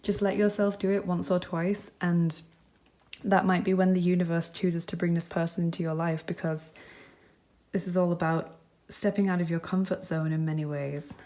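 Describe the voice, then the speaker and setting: A tarot reader gives a pick-a-card tarot and charm reading in a lowish, mellow female voice. She's gentle and reassuring, musing aloud with frequent ums and likes, though her delivery is flat and her speed normal.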